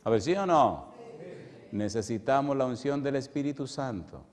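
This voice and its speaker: Man preaching with rapid-fire questions. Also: medium pitch. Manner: animated, keeps asking the congregation questions. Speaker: pastor. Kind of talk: sermon. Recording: long reverb in a large hall.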